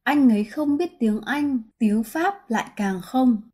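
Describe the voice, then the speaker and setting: Woman voicing phrase translations, even read, husky and warm. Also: on the high side, measured pace. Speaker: Vietnamese translation reader. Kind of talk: scripted translation reading.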